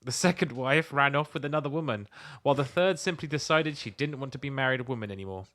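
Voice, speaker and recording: Speaking fast in a medium-pitched, fairly bright voice, this man co-hosts a comedy podcast, reading letters aloud and reacting. His manner is blunt, incredulous and full of swearing.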